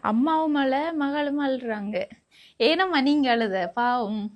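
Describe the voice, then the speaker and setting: A woman vlogger with a Sri Lankan Tamil accent, gently soothing and reassuring a family as she talks with them at their home. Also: high-pitched, measured pace, lo-fi sound. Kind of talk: casual conversational interview.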